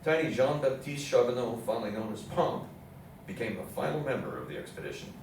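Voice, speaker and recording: As narrator in a readers theatre play, a man reads scripted historical narration in an indoor theatre room with an audience program. His medium-pitched, slightly mellow voice is very animated and a little fast, captured by a distant mic in an echoey hall with faint noise.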